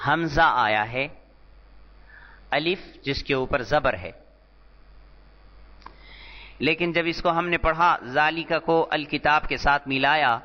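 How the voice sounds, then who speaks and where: A slightly high voice comes from a man lecturing on Arabic grammar terms, going slowly, saying each term more than once, and occasionally chanting scripture. It was recorded in a reverberant hall, with dull, lo-fi sound.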